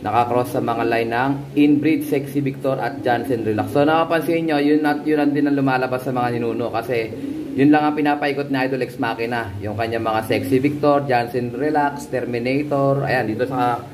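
A man's voice: medium pitch, fairly even intonation, normal speed. Chatty man in a noisy pigeon loft. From Philippines. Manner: chatty, keeps addressing viewers as guys. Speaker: pigeon breeder and vlogger. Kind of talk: casual vlog showing birds and pedigrees. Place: pigeon loft with birds around. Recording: noisy loft with bird sounds. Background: pigeons cooing.

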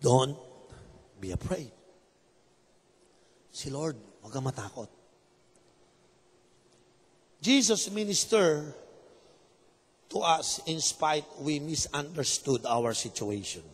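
Male pastor, husky voice, lively wide pitch, sermon, long church reverb. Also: unhurried. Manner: animated, shifts between shouting and soft, lowered voice, mixes English into his talk. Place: church sanctuary. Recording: long reverb of a large hall.

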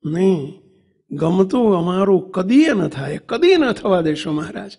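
Animated, gravelly-voiced preacher man. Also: sits high, unhurried. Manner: animated storytelling, acts out quotes, asks the audience questions. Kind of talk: devotional sermon to a congregation. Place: temple assembly hall.

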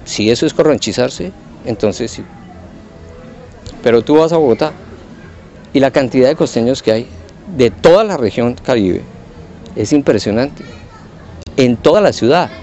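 A man of middle pitch gives his view in a tentative, thinking-aloud way, pausing and hedging. The sound is dull and lo-fi. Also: expressive, a little mellow. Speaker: interviewee. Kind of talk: casual opinion chat.

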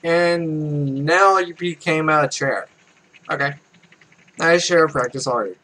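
Fairly high-pitched, slow, and sharp-toned, this man in his twenties narrates a game as a let's play host, reading its text and drifting into offhand, rambling remarks. The recording, made in a small room at home, is noisy.

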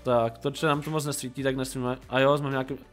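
A young Czech man playing through Minecraft and role-playing, jumpy and quick to panic. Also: medium pitch, level tone, soft background music. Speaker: gaming YouTuber. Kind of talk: Minecraft role-play and let's play.

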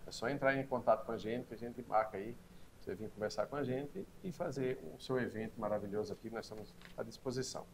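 A middle-aged man talks up his restaurant in a friendly, promotional way. He speaks quickly. A faint room hum sits behind him in the small bar. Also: medium pitch. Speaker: restaurant owner, guest. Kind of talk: interview answers.

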